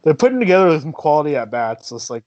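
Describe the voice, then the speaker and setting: A man's voice: fairly high pitch, big pitch swings, fast talker, a little mellow, no echo, lo-fi sound. A man co-hosting a casual baseball watch party, laid-back and laughing easily. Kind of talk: casual live baseball chat.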